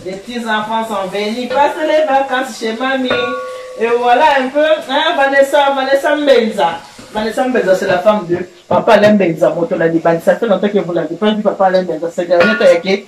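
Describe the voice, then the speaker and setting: Older woman hosting a home cooking lesson. Teasing and animated. Recorded from a distance in a roomy kitchen with faint noise. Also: fairly high pitch, fairly quick. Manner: chatty, teasing, animated storytelling. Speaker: host, grandmother. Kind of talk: cooking show with marriage advice. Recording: echoey room, voice from far off, faint noise.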